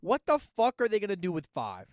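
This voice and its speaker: A man's voice: high voice, wildly swooping pitch, a little fast, no echo, studio quality. A man co-hosting a casual horror podcast, talking in a playfully grumpy way and swearing a lot. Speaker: podcast co-host. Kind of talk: casual chat.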